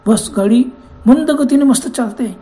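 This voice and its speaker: A woman's voice: fairly high pitch, a little slow, dark tone. A woman storyteller narrating a horror story in a dramatic, suspense-building way.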